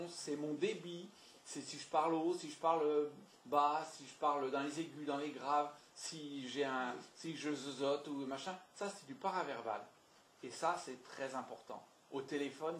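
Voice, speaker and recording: A man trainer with a fairly high voice, speaking in a lively, emphatic way and often repeating his words. He is heard in an echoey meeting room with faint background noise. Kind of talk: communication training talk.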